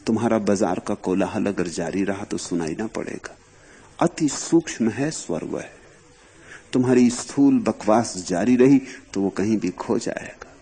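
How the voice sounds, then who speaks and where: A man giving a spiritual discourse on mystic poetry, slow and emphatic, with sudden high stresses. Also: warm tone, husky. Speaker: spiritual teacher.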